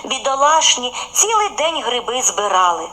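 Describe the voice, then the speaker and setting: A woman narrating a children's folk tale in an expressive, sing-song way. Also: fairly high pitch, normal speed, rough recording. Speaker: storyteller.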